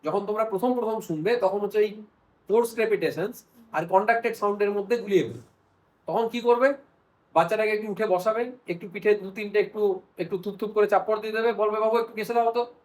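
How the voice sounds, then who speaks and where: A man's voice: sits high, brisk, poor audio. A man teaching children's medicine at a hospital bedside, explaining in a casual way and asking and answering his own questions. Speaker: paediatrics teacher.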